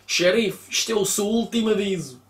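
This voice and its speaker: Guy doing a threatening gang boss, high pitched, echoey room. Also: fairly quick. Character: threatening gang chief, adult man. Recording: roomy, distant mic.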